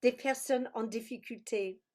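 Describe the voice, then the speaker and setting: Woman preacher on a video call, talks slow, bit of a high voice, gropes for words, says alleluia a lot. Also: dark tone. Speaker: pastor. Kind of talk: sermon teaching over video call.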